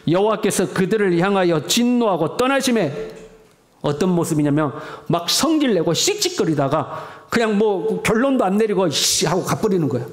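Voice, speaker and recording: Lively pastor, fairly high voice. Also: male voice. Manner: animated, conversational, acts out everyday quarrels for the congregation. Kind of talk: sermon.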